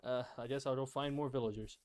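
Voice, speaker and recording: A man's voice: mid-range voice, fairly even intonation, fast talker, a little mellow, clean tone. Male streamer, casual game chat, playful self-deprecating banter, mid-range voice. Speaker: streamer and gameplay host.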